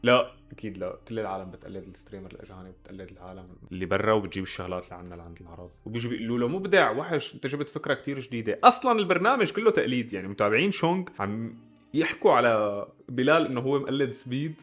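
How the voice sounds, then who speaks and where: A man's voice: lowish voice, expressive, rapid-fire, fairly bright tone. A young man with a Levantine Arabic accent, giving blunt, sarcastic reaction commentary. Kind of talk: casual commentary.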